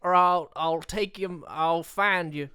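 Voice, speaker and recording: A man voicing a gruff southern alligator wrangler with a threatening drawl. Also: fairly high pitch, steady tone, slow, sharp tone, dry recording, studio quality.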